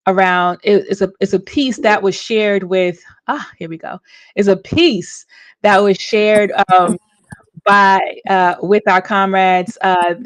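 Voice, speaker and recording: A woman's voice: medium pitch, no room sound. A woman hosting a livestream discussion, talking casually with many fillers and restarts.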